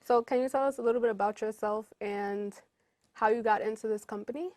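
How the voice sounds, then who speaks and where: A woman hosting an interview show, upbeat and encouraging, asking quick follow-up questions. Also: fairly high pitch, steady tone, a little mellow, dry recording, clean studio sound. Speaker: host. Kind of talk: casual interview.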